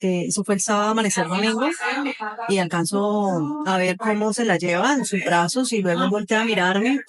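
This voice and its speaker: Speaking at a medium pitch and moderate pace, with a crowd audible behind her, a young woman shares difficult personal experiences as a podcast interview guest. Her telling is emotional, and she brings the events to life by imitating what people said and adding sounds.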